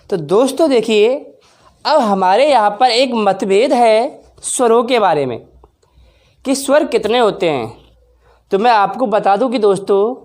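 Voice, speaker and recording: Slow, deliberate woman teaching grammar. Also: a little high, darkish tone. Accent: Hindi, from northern India. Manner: slow, deliberate, drawing out vowel sounds as examples; addresses viewers as friends, anticipates their questions. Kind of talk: exam-prep grammar lesson.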